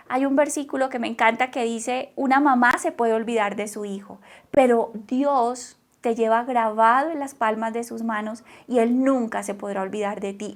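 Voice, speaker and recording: A woman preaching a sermon, who talks emphatically, repeats her phrases and keeps asking the listeners questions. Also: high-pitched. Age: adult mother.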